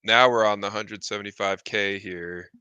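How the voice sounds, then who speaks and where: A man co-hosting a race stream, giving measured, hedging handicapping thoughts. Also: lowish voice, fairly even intonation, pushed and bright, clean tone, dry recording, muffled recording. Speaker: racing co-host. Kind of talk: casual handicapping talk.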